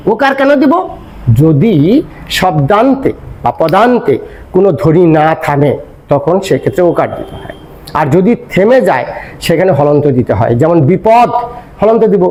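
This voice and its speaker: A man's voice: high-pitched, lively intonation, moderate pace, a little mellow, rough recording. A man teaching a grammar lesson, asking and answering his own questions. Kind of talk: explanatory lecture.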